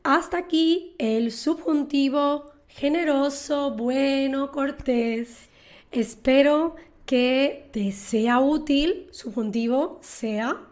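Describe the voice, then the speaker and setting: A woman with a high voice teaches a podcast lesson at an unhurried pace. She patiently walks through example questions and answers one by one, the way an online language teacher does. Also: a little mellow.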